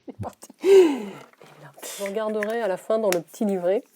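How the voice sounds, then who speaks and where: A woman chatting casually as she unboxes beauty products, laughing to herself and reading labels slowly. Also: mid-range voice, animated, noisy background. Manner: slows to read labels, drops to a whisper on names. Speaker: beauty vlogger.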